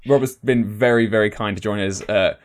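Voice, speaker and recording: A man with a slightly low voice hosts a podcast. He speaks casually and informally, addressing the listener and guest in a chummy, matey way. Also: steady tone, brisk. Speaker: podcast host.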